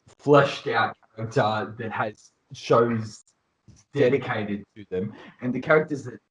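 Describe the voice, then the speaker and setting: Casting: male podcast co-host, lowish voice, opinionated, long rambling takes with filler words. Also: low-quality recording. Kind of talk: casual panel chat.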